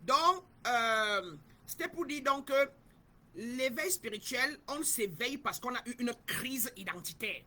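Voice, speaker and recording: A middle-aged woman from Cameroon, a spiritual guide, preaches in a somewhat high, husky voice. She speaks with bright, forceful emphasis. She repeats her points and keeps turning to her listeners. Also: expressive, measured pace. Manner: emphatic, repetitive, addresses listeners directly. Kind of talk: spiritual teaching talk.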